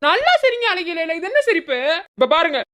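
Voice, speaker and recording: A woman's voice: very high-pitched, big pitch swings, quick pace, heavy background noise. A woman voicing a devoted, protective young college man in a cartoon, earnest and coaxing. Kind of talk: Tamil cartoon voice acting.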